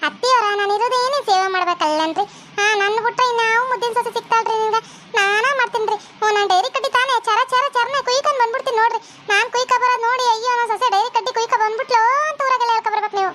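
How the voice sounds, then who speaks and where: A woman's voice: very high-pitched, racing, pushed and bright, a little hiss or hum. A woman with a North Karnataka Kannada accent voicing a stubborn, sweet-talking young daughter-in-law in a cartoon comedy. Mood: coaxing. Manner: whiny, stubborn, coaxing.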